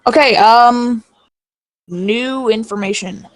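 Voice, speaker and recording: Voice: medium pitch, slow pace, low-quality recording. A co-host of a live weather stream, casual, often muttering under the breath between reports.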